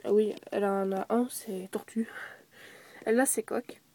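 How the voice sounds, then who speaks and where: A woman's voice: medium pitch, fairly even intonation, moderate pace, dark tone. A young girl showing her toy horse ranch in a casual show-and-tell, full of fillers, self-corrections and whispered asides.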